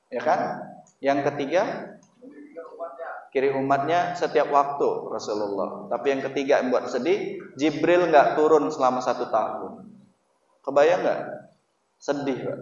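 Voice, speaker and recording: A man preaching an Islamic sermon, often putting questions to his listeners. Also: medium pitch. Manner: lively, asks the audience questions often. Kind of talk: Islamic sermon to a male audience. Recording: echoey hall, distant mic, dull lo-fi sound.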